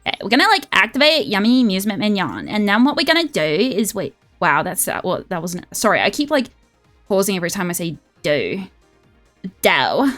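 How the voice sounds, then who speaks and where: A young woman streaming a card game, chatting casually and excitably, swearing freely and sliding into a valley girl voice. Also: medium pitch, fairly quick. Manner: excitable and profane, drifts into a put-on valley girl voice. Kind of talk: casual live-stream gaming chat. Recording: faint music behind.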